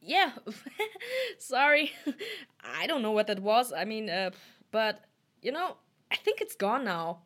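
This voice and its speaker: A young woman in casual chat, loud and playful, often exclaiming and laughing. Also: on the high side, sing-song, slow pace.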